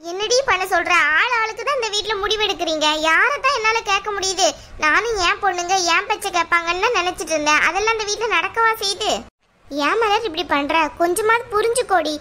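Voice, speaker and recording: A woman's voice: very high-pitched, quick pace, bright, forceful tone, slight background noise. A woman voicing a scolding mother of two daughters in a cartoon, nagging and exasperated. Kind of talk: cartoon voice acting.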